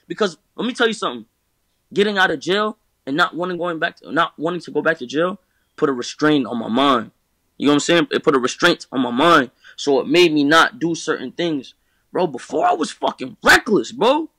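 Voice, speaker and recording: This teenage rapper guest, nineteen, speaks in a high, pushed, bright voice on a dry recording. In candid conversation he gets emphatic and swears, circling back over the same points and finishing his sentences with "bro."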